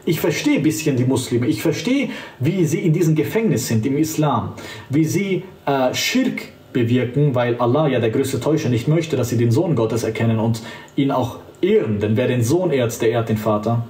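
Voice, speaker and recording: A man's voice: medium pitch, animated, moderate pace, warm tone. A man preaching as an evangelist, fervent and emphatic, speaking directly to the listener. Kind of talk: street-style preaching to camera. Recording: roomy sound, voice from a distance.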